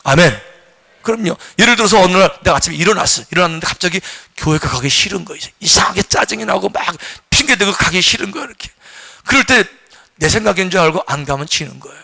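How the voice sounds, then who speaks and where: A male pastor delivering an animated sermon, acting out little voices and leading the congregation in call-and-response. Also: sits high, fast talker, vocal fry.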